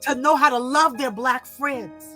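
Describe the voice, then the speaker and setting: A woman who writes and illustrates children's books, telling personal stories as an interview guest in an expressive, animated way. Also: high voice, a little slow, soft background music. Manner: expressive, animated storytelling with acted-out voices. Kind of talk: storytelling in an interview.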